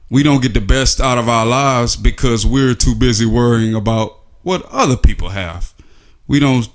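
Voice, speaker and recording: A man with a drawl talks straight to his audience in a loose, unscripted rant. His voice sits at an ordinary middle pitch, and he leans on sarcasm and rhetorical questions. He pads his lines with plenty of "uh"s as he thinks aloud. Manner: sarcastic, rhetorical, filler-heavy. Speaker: sports commentary vlogger. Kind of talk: casual opinion monologue.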